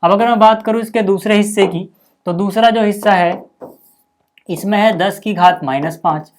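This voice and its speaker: A man's voice: sits high, normal speed. A man teaching a school maths lesson, patient and step by step, checking in often with the class.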